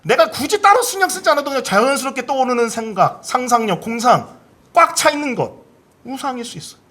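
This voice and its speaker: A male pastor preaching a sermon in a church service. He is animated, acts out inner voices with big swings in pitch, and has the congregation repeat key phrases after him. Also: brisk.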